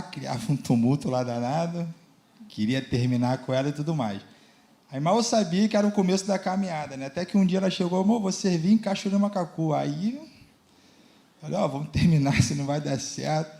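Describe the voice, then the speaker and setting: A Brazilian man tells his testimony before a church congregation in an unpolished, storytelling way. His voice is gravelly with a dark, mellow tone, and he sits a bit higher than most men. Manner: plain storytelling with frequent "né?". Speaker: church member giving testimony. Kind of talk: personal testimony.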